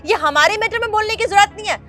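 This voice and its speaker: Actress as a very high-voiced, bossy, mocking snob mother, faint music under. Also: fast, sharp tone. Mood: scornful. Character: rude snobbish mother, middle-aged woman. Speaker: actor in a comedy sketch.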